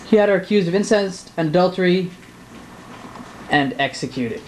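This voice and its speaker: A teenage boy narrates a mock documentary and conducts interviews, sounding earnest and mock-serious. His voice sits high with lively intonation at a normal pace. The mic is distant and the room is noisy.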